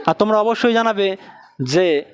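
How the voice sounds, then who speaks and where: A man who speaks Bengali natively, teaching English in a slow, repetitive classroom drill, often quizzing with questions. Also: sits high, expressive, smooth. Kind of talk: classroom lesson with repeated drills.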